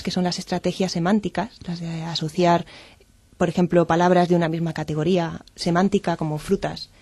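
A woman with a slightly low voice explains memory development in a measured, academic way, often restarting her sentences. The recording is dry and close. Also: a little mellow, dry recording. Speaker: guest expert.

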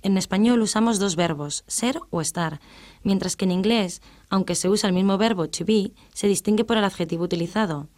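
A woman's voice: mid-range voice, darkish tone. Patient woman teaching on radio. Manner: patient, methodical, reads out English examples slowly. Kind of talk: explanatory radio lesson.

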